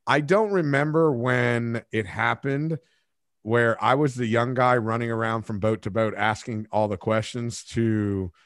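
A man's voice: medium pitch, measured pace, a bit bright, dry recording. A man in his forties hosting a podcast, telling self-mocking stories in a rambling way with restarts, on a studio microphone. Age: 40s. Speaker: podcast host. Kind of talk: casual interview chat. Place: home studio room. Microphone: studio microphone with headphones.

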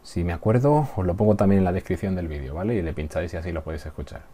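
Male teacher from Spain, Spain Spanish accent, low dark husky voice, patient explainer. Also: racing. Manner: patient, repeats and checks understanding. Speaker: English teacher. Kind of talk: recorded online class.

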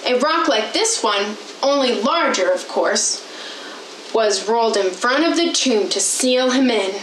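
Young woman doing a perky tv host bit, high voice, echoey room, bit of hiss. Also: lively intonation, unhurried. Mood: earnest. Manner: bright presenter's delivery, earnest when explaining. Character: cheerful female talk show host. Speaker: host in a skit. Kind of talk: church skit acting. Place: small indoor set, echoey room.

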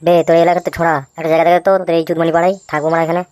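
A boastful, foul-mouthed male neighborhood don from a comic cartoon, voiced by a woman, threatening everyone around him. The voice sits on the lower side and the words come quickly. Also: little pitch movement, darkish tone, no echo, clean studio sound, close to an everyday voice. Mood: blustering. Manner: boastful, threatening, heavy cursing.

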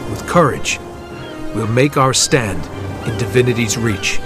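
A man's voice: mid-range voice, takes it slowly, lightly acted. An actor playing a young male noble hero in a video game cutscene, speaking solemnly over an orchestral score. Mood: resolute. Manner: earnest, solemn. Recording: music score under the voice.

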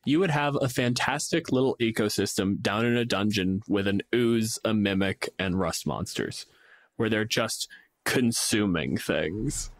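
Here a man with a lowish voice speaks a little slowly, with no echo on the recording. He co-hosts a podcast and runs games as a game master, bluntly debating his views in casual chat full of profanity.

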